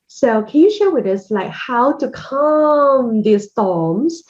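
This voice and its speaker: A woman hosts a conversation over a video call and speaks very slowly, encouraging her guest as she asks questions. Her voice sits slightly high, and the call audio sounds muffled and lo-fi. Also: expressive, a little mellow. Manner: unhurried, affirming interviewer. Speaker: host. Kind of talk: casual chat, video call.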